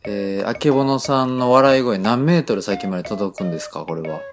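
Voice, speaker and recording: A man's voice: lowish voice, brisk, soft background music. A man with a Kansai accent co-hosting a casual chat podcast, laid-back and joking as he explains things at length. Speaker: podcast co-host.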